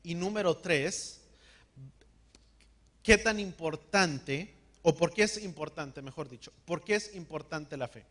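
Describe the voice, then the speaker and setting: A man preaching a sermon, calling on the congregation to repeat words after him and slowing down to stress key words. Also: a little high, fairly bright tone. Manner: call-and-response, has the congregation repeat words. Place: church hall.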